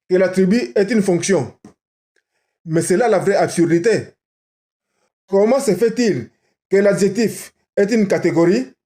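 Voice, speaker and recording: Here the same kind of speaker sounds high yet dark in tone: a man whose first language isn't French, speaking French with a non-native accent. As a self-taught grammar commentator in a video lesson, he insists and argues his points one step at a time, recorded from afar with a roomy sound.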